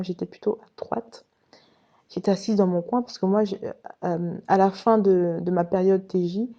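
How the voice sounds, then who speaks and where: A woman's voice: mid-range voice, dark tone, dull audio. A woman casually telling a personal story to her viewers, chatty and direct. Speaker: vlogger recounting her past.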